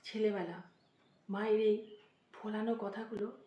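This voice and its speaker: A woman's voice: mid-range voice, fairly even intonation, unhurried, distant mic, highs cut off. A woman giving a motivational talk as a story, with an emotive, dramatic delivery that rises and drops suddenly. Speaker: motivational speaker. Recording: echoey room.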